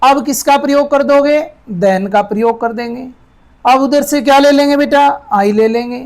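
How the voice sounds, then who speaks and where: A man teaching an English grammar lesson, patiently dictating words slowly and checking that his students follow. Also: very high-pitched, a little mellow. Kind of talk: Hindi-medium grammar lesson.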